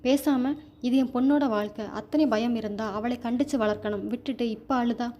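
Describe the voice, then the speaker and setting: A woman's voice: fairly high pitch, steady tone, normal speed, dark tone, lo-fi sound, slight background noise, lightly acted. A woman voicing an angry, protective middle-aged father in a storybook reading, fierce and confrontational. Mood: furious.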